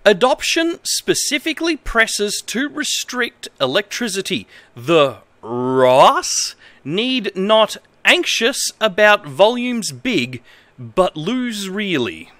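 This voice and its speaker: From a desk in an indoor room, a thirties-aged Australian livestreamer chats and reads aloud in a faltering, funny, emphatic way, clearly amused. His high voice is sing-song, slow, and a bit bright, with no room sound.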